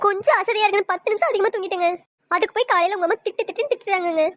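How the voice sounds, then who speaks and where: Woman voicing a squeaky timid daughter-in-law. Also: steady tone, racing, a bit bright, no echo, clean studio sound. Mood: tearful. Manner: meek, pleading, whiny. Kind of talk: cartoon voice acting.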